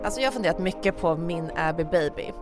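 A woman's voice: on the low side, lively intonation. Chatty young woman with faint music. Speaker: podcast co-host. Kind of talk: casual chat.

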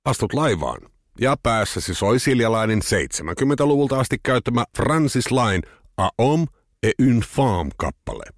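A man narrating a scripted essay for his podcast in a measured, reflective way. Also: medium pitch, sing-song, no room sound, clean studio sound.

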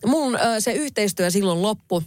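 A young woman from Finland co-hosting a podcast, chatting quickly and lively with casual fillers. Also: medium pitch, no room sound, clean studio sound. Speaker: podcast co-host. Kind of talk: casual chat.

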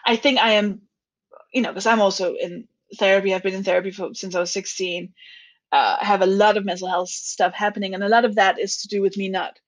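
A woman's voice: mid-range voice, poor audio. A woman from Denmark with a Danish accent, a comedian talking candidly in an interview, laughing often and restarting her sentences. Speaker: comedian guest. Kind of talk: conversational interview.

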